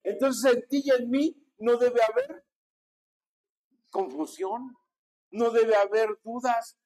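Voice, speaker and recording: A man with a Mexican Spanish accent, his voice sitting high with a darkish tone, preaches a sermon as a pastor. He uses call-and-response, asking his congregation to repeat after him.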